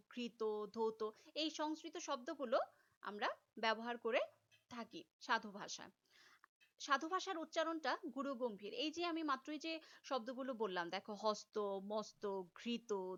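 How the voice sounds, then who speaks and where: A woman's voice: sits high, a bit bright, muffled recording. A woman teacher giving a recorded class lecture, explaining step by step and repeating key terms.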